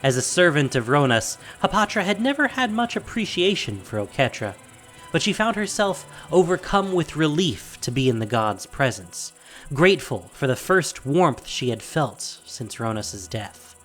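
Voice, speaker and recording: A man narrates a scripted fantasy audio drama in a dramatic storytelling style, over soft background music. His voice is fairly high and fairly bright, with big pitch swings at a normal speed.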